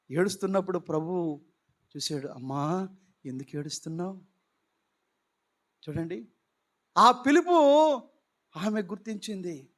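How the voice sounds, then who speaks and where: A man preaching a sermon, asking the congregation questions and dropping in English phrases. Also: extremely high pitch. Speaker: pastor.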